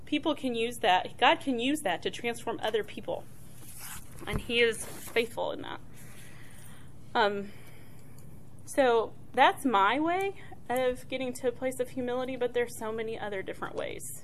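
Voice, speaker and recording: Leading an informal church talk about prayer, this middle-aged woman speaks softly and chattily, often restarting and using fillers. Her voice sits on the high side, and there's slight hiss or hum.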